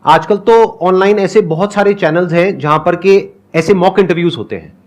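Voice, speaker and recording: A man's voice: high-pitched, normal speed. A man hosting a talk show, chatting and joking about himself in front of an audience. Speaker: show host.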